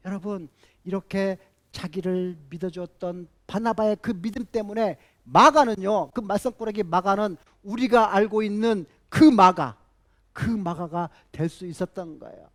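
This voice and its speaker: A man preaching a sermon as a pastor, emphatic, repeating key phrases and putting rhetorical questions to the congregation. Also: high voice.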